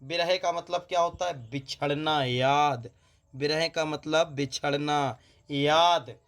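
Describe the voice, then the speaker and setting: Man, teacher, slightly high voice, exam-prep lesson, slow drawn-out verse recitation, repeats key words. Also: fairly bright tone. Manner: addresses students as "beta", drills by elimination. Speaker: Hindi grammar teacher.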